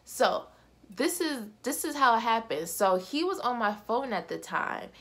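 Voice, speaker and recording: A woman in her twenties telling a vlog story in a slangy, animated way. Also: fairly high pitch, a little slow. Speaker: vlogger.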